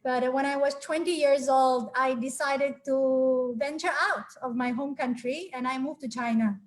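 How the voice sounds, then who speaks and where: The webinar presenter is a woman from Ukraine in her forties with a high voice and fairly even intonation, talking live from a small room at home. She's friendly and sincere but often hesitates with fillers and restarts her sentences, heard through a laptop webcam mic on a video call.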